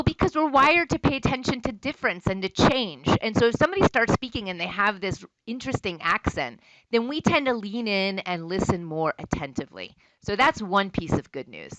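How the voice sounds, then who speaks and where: A woman's voice: mid-range voice, fairly bright tone, dry recording, low-quality recording. A woman college instructor giving a recorded lecture in a conversational, explanatory way.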